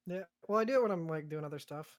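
A woman co-hosting a casual chat, dropping dry, deadpan quips. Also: low-pitched, racing, no echo.

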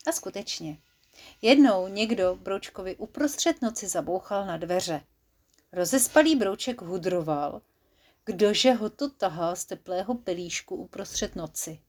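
A young mother spinning a bedtime tale for her child in a soft, unhurried voice. She narrates casually, with small slips and fillers left in. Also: medium pitch. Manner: gentle, relaxed, unedited storytelling with small slips. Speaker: mother telling a bedtime story. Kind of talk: storytelling to a child.

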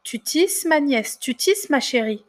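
A woman's voice: high voice, animated, unhurried, pitched above the performer's own voice. A woman voicing an impatient, cruel old witch in a storybook reading, calling out in a sing-song, wheedling way.

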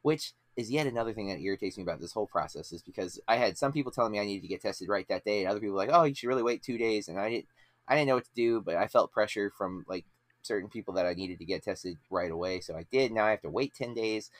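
Quick-paced and lowish, the voice of this late-thirties movie podcast host comes through without room sound. His conversation is casual and rambling, thick with fillers and restarts.

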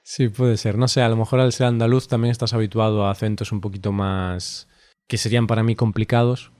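A man from Spain co-hosting a podcast in casual, unscripted conversation, relaxed and chatty with frequent laughs and hesitant fillers. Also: lowish voice, a little fast, no room sound, studio quality. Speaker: podcast co-host.

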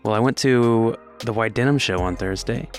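A man co-hosting a casual podcast, telling stories in a relaxed, easygoing way. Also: mid-range voice, moderate pace, soft background music. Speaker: podcast co-host.

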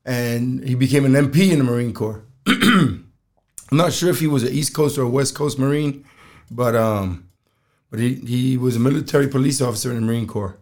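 A man hosting a solo podcast, telling stories casually in a rough, strained voice, halting and plain-spoken, often clearing his throat. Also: medium pitch. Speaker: podcast host.

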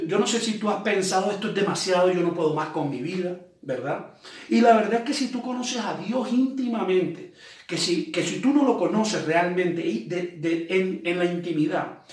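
A man preaches in a relaxed, conversational way, reading verses slowly before unpacking them and often asking his listeners rhetorical questions. His voice sits a little high for a man. He sounds set back from the microphone in a very echoey room. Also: far from the mic. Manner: reads scripture aloud slowly, then explains it. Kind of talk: sermon.

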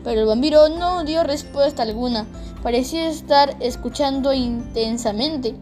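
A woman narrating a children's audiobook in a calm, measured storytelling voice. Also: high-pitched, over music.

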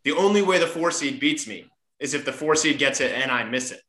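A man hosts a relaxed podcast conversation with a bright, forceful tone, and his voice cracks in places. He talks in an animated way, laughing as he goes. The sound has a noticeable echo from the room. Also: mid-range voice, fairly quick. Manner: animated, laughs while talking. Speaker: podcast host. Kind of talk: casual podcast chat.

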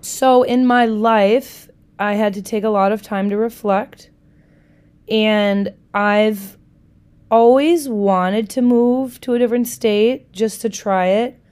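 A woman's voice: mid-range voice, slow, darkish tone, clean tone. A woman in her thirties from Wisconsin, hosting her podcast in a bubbly, chatty way, talking straight to her listeners with slang. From Milwaukee, Wisconsin. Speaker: podcast host. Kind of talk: casual chat.

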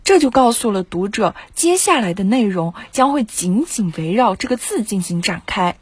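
A woman teacher giving a measured, explanatory critique of a pupil's essay. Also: medium pitch, expressive, breathy edge, dry recording. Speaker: writing teacher. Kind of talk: essay commentary.

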